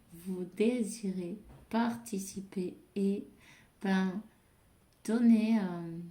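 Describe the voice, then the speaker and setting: A woman's voice: fairly low pitch, dark tone. A woman doing a casual spiritual card reading, hesitant with many fillers and restarts. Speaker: tarot card reader. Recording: echoey room.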